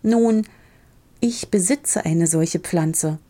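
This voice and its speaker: A woman's voice: fairly low pitch, extremely slow, dark tone. A woman voicing a sly young prince who courts with polite, mocking irony, in a storybook reading. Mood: courtly. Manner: polite, teasing, ironically courteous.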